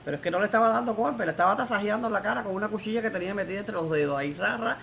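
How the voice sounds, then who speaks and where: Older cuban woman, gravelly voice, quick defiant testimony, faint background noise. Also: mid-range voice, a bit bright. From Cuba. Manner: emphatic, defiant storytelling. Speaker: interviewee, former political prisoner. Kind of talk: recorded testimony interview.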